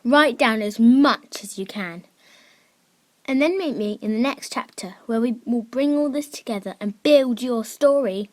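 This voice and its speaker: In an unhurried, scripted lesson, a woman with a fairly high voice acts as host for children, speaking to them directly. She teaches creative writing using simple, encouraging language.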